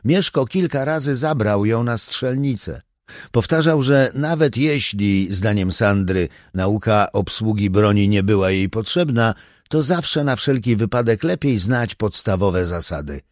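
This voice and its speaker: A man narrating a dark thriller audiobook with a measured, even delivery. His voice sits low, and the recording is close and dry with no room sound. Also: dry recording.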